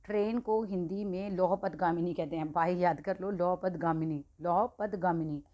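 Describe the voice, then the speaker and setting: A woman's voice: lowish voice, dull audio. Patient woman teacher repeating syllables. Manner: explains patiently, repeats words slowly syllable by syllable. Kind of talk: online class.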